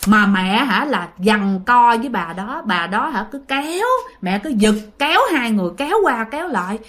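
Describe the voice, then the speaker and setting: A woman telling a ghost story in a casual, animated way, speaking directly to listeners. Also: a little high, normal speed.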